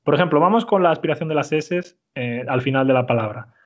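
A man's voice: a little high, fairly quick, highs cut off. A man teaching a Spanish lesson, explaining step by step and often checking in with his listeners. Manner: explanatory, frequent "¿vale?" checks. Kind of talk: language lesson.

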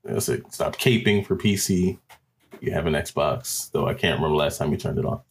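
Very deep-voiced man, blunt gaming chat. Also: normal speed, a little hiss or hum. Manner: blunt, teasing, swears freely.

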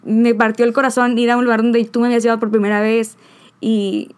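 Young woman, fairly high voice, heartfelt, rambling. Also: level tone, quick pace, clean tone. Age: young adult. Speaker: podcast host. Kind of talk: emotional podcast chat.

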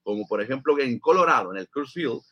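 Male radio sports host: mid pitch, easy steering tone, lo-fi sound. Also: lively intonation, a little fast, fairly bright tone, husky. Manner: steers the show, reads listener comments. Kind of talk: casual sports chat. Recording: dull lo-fi radio audio.

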